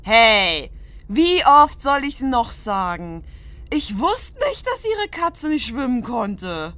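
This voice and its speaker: Woman playing high, tipsy, cheeky pony princess Luna. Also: big pitch swings, slow, fairly bright tone, heavily acted. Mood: loud, indignant. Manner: slurring, drawling, argumentative. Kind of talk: fan audio drama acting.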